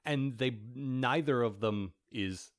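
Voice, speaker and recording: A man co-hosting a casual book-discussion podcast, talking in a rambling, halting way and narrating passages aloud. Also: medium pitch. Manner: rambling, halting, with many restarts. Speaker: podcast co-host.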